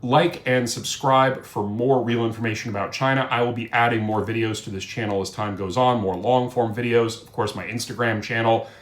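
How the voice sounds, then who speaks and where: A man's voice: mid-range voice, steady tone, brisk, hardly any pauses, reverberant. A man hosting a reaction commentary, scolding and indignant as he rebuts a clip. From United States. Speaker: commentary host.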